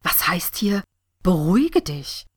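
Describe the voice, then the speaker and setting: A woman's voice: lowish voice, big pitch swings, takes it slowly, husky, dry recording, studio quality, full character voice. A woman voicing an anxious young female student who pleads in a panicky, raised voice. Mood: alarmed.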